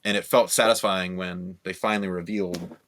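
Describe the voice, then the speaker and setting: A man talking casually with friends about a film on a podcast, lively and full of quoted reactions. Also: low-pitched, fairly quick, slight background noise. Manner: animated, talks in bursts with restarts and quoted reactions. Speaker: podcast co-host.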